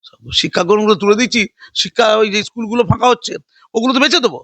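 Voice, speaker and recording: A high, quick voice, this older man fires off sarcastic, combative remarks and mocking repetitions. He is an interviewee in a heated political conversation, recorded close and dry. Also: sharp tone, no room sound.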